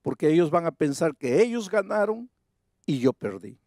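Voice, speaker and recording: A man's voice: fairly high pitch, very animated, moderate pace, vocal fry, a little mellow, no echo, studio quality. A preacher voicing a tearful old man. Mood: pleading. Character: tearful old man about eighty, hesitant.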